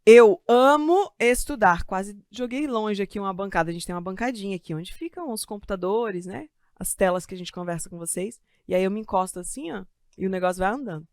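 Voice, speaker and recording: A Brazilian woman teaching Portuguese grammar in an online exam-prep class. She talks in a chatty, joking way and draws out key words slowly to stress them. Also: mid-range voice, no room sound, studio quality. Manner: lively, stretches key words slowly for emphasis; chatty asides and self-joking humor. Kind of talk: live online grammar lesson. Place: studio with a desk of computers.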